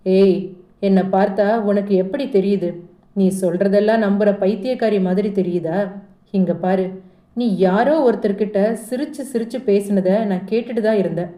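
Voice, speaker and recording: A woman voicing an angry, suspicious middle-aged mother who shouts and accuses her daughter in a told story. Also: medium pitch, moderate pace, close to an everyday voice. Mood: angry scolding. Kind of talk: storytelling dialogue. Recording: echoey room.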